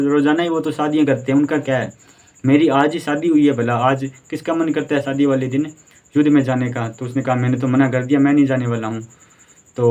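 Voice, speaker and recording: A man's voice: mid-range voice, darkish tone, highs cut off. A man telling a history story as a lesson, in a conversational retelling style with rhetorical questions and filler words. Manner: fillers and restarts. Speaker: history teacher.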